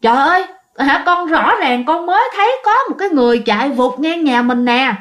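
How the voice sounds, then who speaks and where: A woman's voice: sits high, expressive, fairly quick. A woman voicing a fearless young mother in a ghost story. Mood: insistent.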